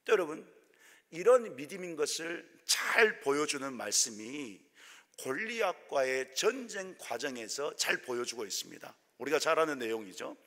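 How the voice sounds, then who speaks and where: A man preaching a sermon as a pastor, telling a story with animated delivery and acting out the scenes. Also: fairly high pitch, normal speed. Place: church sanctuary. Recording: echoey church hall.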